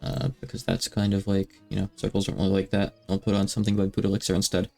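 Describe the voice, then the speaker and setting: A man's voice: low-pitched, completely flat delivery, fast, gravelly, a little mellow, soft background music. A man in his thirties chatting casually on a livestream, rambling and self-deprecating with lots of fillers. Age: 30s. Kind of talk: casual stream chat.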